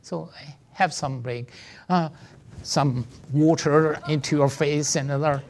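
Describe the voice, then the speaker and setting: Gravelly man with a Pakistani accent, teaching. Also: on the high side, fairly even intonation, takes it slowly, a little mellow. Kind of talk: teaching seminar with sermon-like exhortation.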